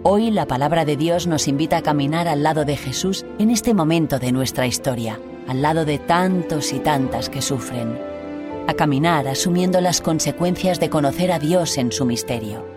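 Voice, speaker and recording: A reader with a Spain Spanish accent, slowly and solemnly reading a Gospel passage and a reflection on it. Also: mid-range voice, over music. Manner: measured, solemn, deliberate phrasing. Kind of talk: scripted liturgical reading.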